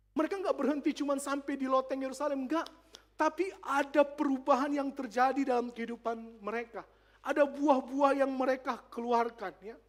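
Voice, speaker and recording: Pastor guy, pretty high voice, chatty sermon, keeps talking to the crowd. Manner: lively, conversational, with asides to the congregation. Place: church.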